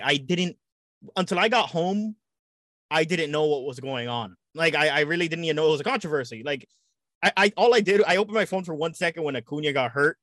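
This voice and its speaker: A man's voice: fairly high pitch, fairly bright tone, dry recording. A man from the United States chatting casually as a podcast guest, rambling and stumbling over his words. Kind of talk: casual chat.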